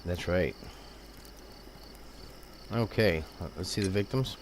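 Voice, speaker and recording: Joking, low-voiced gameplay commentator man. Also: slow, a little hiss or hum. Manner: crude and joking. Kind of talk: casual let's-play commentary.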